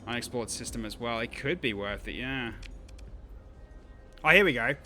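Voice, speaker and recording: Lively man thinking aloud over gameplay. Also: mid-range voice, background noise. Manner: chatty, thinking aloud, quick to laugh. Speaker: streamer. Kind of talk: casual gameplay commentary.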